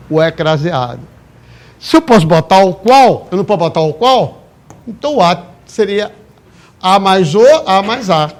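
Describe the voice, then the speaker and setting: High-voiced man teaching grammar. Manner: emphatic, explains step by step with frequent check-in questions. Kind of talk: live exam-prep class lecture. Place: classroom, also streamed online.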